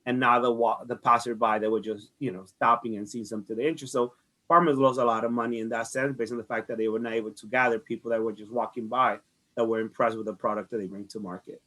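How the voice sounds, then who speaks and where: In a low-quality recording, a Dominican man who directs a farmers market answers interview questions fast and forcefully. His mid-range voice is bright with fairly even intonation, and his Dominican Spanish accent is clear. Earnest and conversational, he repeats phrases frequently.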